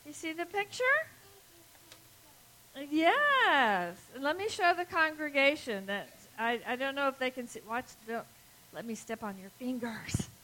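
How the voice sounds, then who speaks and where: A woman's voice: high voice, expressive, measured pace, sharp tone, rough recording. A woman giving a children's sermon in the manner of a kids' show host, asking simple questions and leaving time for answers. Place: large church sanctuary, before a congregation.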